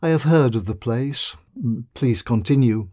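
A man reading a story, voicing a calm male detective who speaks soothingly. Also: mid-range voice, unhurried, lightly acted.

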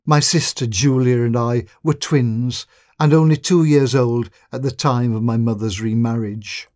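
A man's voice: mid-range voice, fairly even intonation, measured pace, darkish tone, dry recording, clean studio sound, natural voice. A man reading a story, voicing a frightened young woman who pleads urgently for help. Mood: distressed. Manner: urgent, trembling pleas.

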